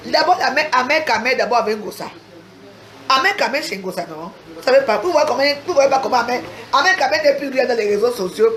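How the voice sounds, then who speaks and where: A woman's voice: on the high side, lively intonation, fast talker, a bit bright, echoey room. A woman ranting angrily on her own livestream, hurling insults and challenges in a confrontational, repetitive way. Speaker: social media livestreamer. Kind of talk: angry livestream rant.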